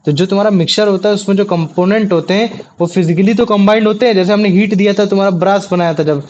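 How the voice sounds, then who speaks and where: A man teaches a science class step by step, constantly checking in with students through tag questions. His high, darkish voice moves fast, and the lo-fi audio sounds dull.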